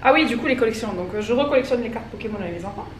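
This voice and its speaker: A woman's voice: fairly high pitch, lively intonation, racing. A woman in her thirties from France, chatting casually and rambling to camera at home while folding laundry. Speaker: vlogger. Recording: roomy echo, distant mic, background noise.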